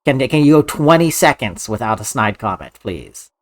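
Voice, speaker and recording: Earnest man with very lively intonation. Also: mid-range voice, normal speed. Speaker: Let's Play commentator. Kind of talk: casual game commentary.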